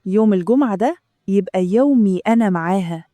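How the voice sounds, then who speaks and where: A woman voicing a scheming middle-aged male business partner with an Egyptian accent, calm and persuasive, in a storybook reading. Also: mid-range voice, brisk, dry recording, lightly acted. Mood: insinuating. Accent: Egyptian Arabic.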